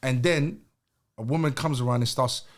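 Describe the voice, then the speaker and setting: A man's voice: mid-range voice, normal speed. Emphatic man in casual debate. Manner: emphatic, repeats himself, laughs between points. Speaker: podcast co-host.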